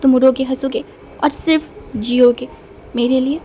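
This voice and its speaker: A teasing, possessive gangster husband drawls his lines, as a woman reads him out. The voice sits high and has a mellow, soft-edged tone. It is told like a storybook. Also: steady tone, normal speed, soft background music, lightly acted. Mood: tender.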